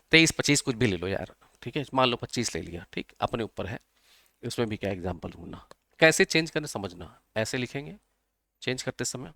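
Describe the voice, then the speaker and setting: A man's voice: a little high, sharp tone, dry recording, studio quality. A male computer teacher, explaining an exam-prep lesson step by step and often checking that students follow. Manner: repetitive, checks understanding often.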